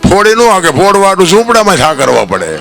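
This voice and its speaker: A man with a Kathiawadi Gujarati accent giving an impassioned devotional folk storytelling talk to an audience. He preaches with feeling and keeps addressing his listeners warmly as elders. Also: huge pitch swings, fairly quick, gravelly, over music. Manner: impassioned preaching, swells into loud high outbursts, often calls listeners "bapu". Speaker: folk storyteller and literary speaker.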